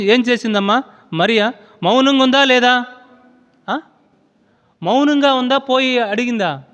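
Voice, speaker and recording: A male pastor preaching in a church hall. His voice sits very high and sounds bright and forceful. He keeps asking the congregation questions, restarts his phrases and lets a long reverb trail after his words. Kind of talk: sermon.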